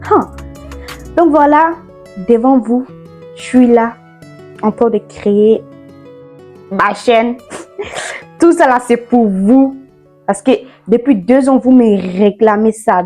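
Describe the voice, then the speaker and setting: A nineteen-year-old YouTuber from Ivory Coast chats to camera in a casual vlog, playful and sassy and mixing in slang. Her voice sits on the high side with a darkish tone.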